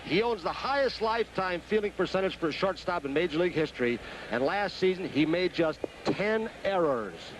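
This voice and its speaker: A man's voice: sits high, animated, moderate pace, low-quality recording. A man giving sports commentary on players during a baseball broadcast. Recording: broadcast with clear outdoor stadium noise.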